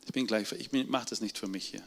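A middle-aged man preaching a sermon, telling his testimony with strong emphasis, his voice swinging from loud to hushed. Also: lowish voice, fairly even intonation, fast talker. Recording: long hall reverb.

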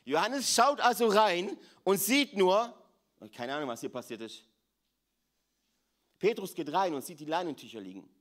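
A man's voice: high voice, expressive, moderate pace, long pauses. A man preaching a sermon, dropping to near-whispers and rising to fervent, raised appeals, repeating key phrases for weight. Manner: dramatic swings between hushed and raised voice, repeats phrases.

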